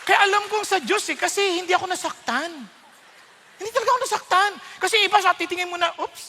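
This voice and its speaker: A man preaching a sermon, telling his own story in an animated way and acting out what others said. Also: very high voice, quick pace, big-room sound, a faint crowd, a little hiss or hum. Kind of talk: sermon testimony.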